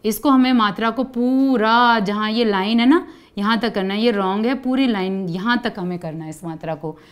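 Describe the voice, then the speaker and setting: A woman's voice: medium pitch, normal speed. A woman teaching a lesson to young children, explaining patiently step by step, drawing out sounds and asking the kids to repeat after her. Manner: stretches syllables and asks kids to repeat.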